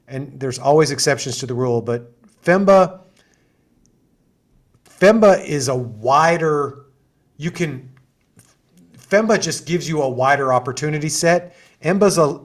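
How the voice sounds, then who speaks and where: A middle-aged assistant dean, his voice a little high, hosts an info session on a video call. He explains the programs in an enthusiastic, chatty way, sprinkling in asides and fillers.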